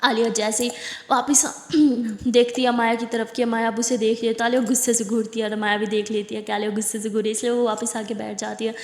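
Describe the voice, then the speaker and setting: A woman narrates a love story in a chatty, casual way, dropping jokey asides. Her voice sits fairly high, and the room gives it a long, echoing reverb. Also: flat delivery.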